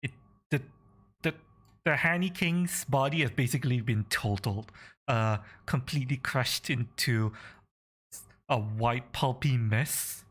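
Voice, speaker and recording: A man running a tabletop game, improvising the narration and thinking aloud in a halting way. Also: mid-range voice, fairly bright tone, breathy edge. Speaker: game master.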